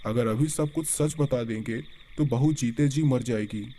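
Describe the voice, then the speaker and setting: Storybook mother-in-law, middle-aged, fussing and soothing, warm low tone, voiced by a man. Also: unhurried, a little hiss or hum, natural voice. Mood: reassuring.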